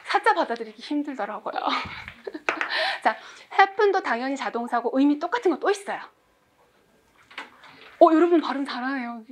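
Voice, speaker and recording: High-pitched woman in her 40s teaching english, quizzes the class, cracks jokes. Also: slight background noise. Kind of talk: classroom lecture.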